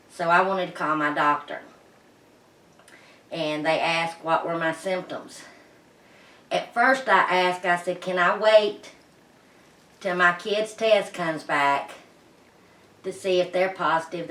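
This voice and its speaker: A woman's voice: lowish voice, a bit bright. Lady vlogging thru a face mask, muffled n winded, folksy, echoey room, bit far from mic. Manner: folksy, plain-spoken, halting. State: out of breath, pausing. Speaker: vlog host. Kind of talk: casual personal vlog. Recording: roomy echo, distant microphone.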